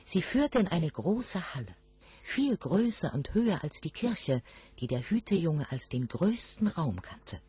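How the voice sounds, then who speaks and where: A woman narrating a German fairy tale in a slow, expressive storytelling manner. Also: fairly low pitch, husky, dry recording.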